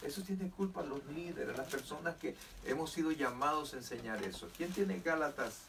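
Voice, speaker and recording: A man's voice: on the high side, animated, normal speed, vocal fry. A man preaching a sermon as pastor of a church, fervent with emphatic rises. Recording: distant mic with faint noise.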